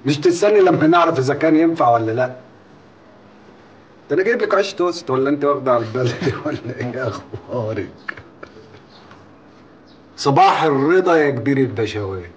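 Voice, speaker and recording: Actor as a sly Egyptian captor. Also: male voice, mid-range voice, dull audio, a little hiss or hum, natural voice. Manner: mocking, jovial. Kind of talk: film drama acting.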